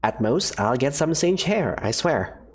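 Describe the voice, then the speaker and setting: A voice actor plays a cheerful, secretive woman professor who seems to come from a fan-made visual novel, explaining things in a breezy, teasing way. Her lively, medium-pitched voice swoops up and down, unhurried, with a breathy edge.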